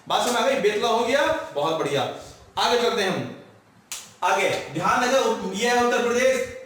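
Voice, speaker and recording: High-voiced Hindi teacher in an echoey room. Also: male voice, fairly bright tone. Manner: asks students questions and answers them himself. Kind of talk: exam-prep lecture. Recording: echoey room, far from mic.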